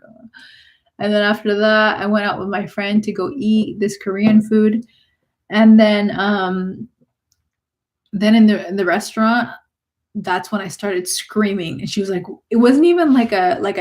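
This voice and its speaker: Woman vlogging, just chatting, keeps saying like and restarting, mid pitch. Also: a little mellow. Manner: chatty, rambling, lots of "like" and restarts. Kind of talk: casual personal storytelling.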